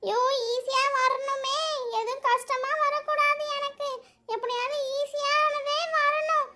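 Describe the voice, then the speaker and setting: A woman's voice: very high-pitched, steady tone, slow, full character voice. A woman doing a fretful little doll girl. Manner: soft, fretful muttering. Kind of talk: doll-play voice acting.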